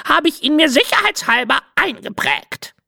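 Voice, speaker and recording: A woman voicing a vain, theatrical female red bird messenger with a shrill, drawn-out voice in an audiobook. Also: very animated, gravelly, pushed and bright, no room sound, clean studio sound, exaggerated voice. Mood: self-important. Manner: drawn-out, self-pitying. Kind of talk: audiobook character voice.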